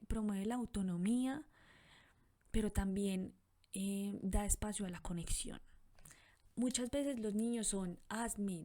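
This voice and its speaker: A woman hosting a podcast, giving parenting advice in a calm, reflective way, often pausing with soft fillers. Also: medium pitch. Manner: calm, reflective, gentle, with frequent pauses and fillers. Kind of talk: conversational advice monologue.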